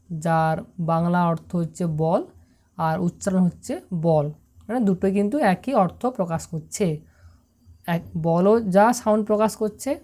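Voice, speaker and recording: A woman's voice: mid-range voice, mellow. A woman teaching English pronunciation to students, explaining patiently and step by step, often asking if they can see.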